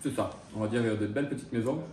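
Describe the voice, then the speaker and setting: Speaking rapid-fire in a warm, lowish voice, a man from France in his thirties, who works as a chef, stumbles through interview answers with many restarts and filler words. A distant mic picks up room echo and slight background noise.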